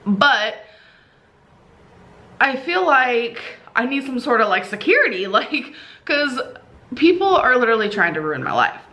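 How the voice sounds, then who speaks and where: A woman's voice: a little high, very animated, measured pace, bright, forceful tone. A woman telling a casual, gossipy storytime vlog in a chatty, rambling way, sounding tired. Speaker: online video creator.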